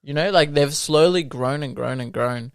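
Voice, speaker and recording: A man's voice: fairly high pitch, moderate pace, creaky, no room sound, studio quality. A man co-hosting a car podcast, chatting casually and enthusiastically, rambling with fillers. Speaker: podcast co-host. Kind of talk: casual chat.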